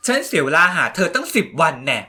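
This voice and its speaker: A woman's voice: deep voice, big pitch swings, fast talker, bright, forceful tone, voice pushed down, full character voice. A woman voicing a rude, brash tiny floating girl who snaps at people. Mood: smug. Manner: brash, snappy.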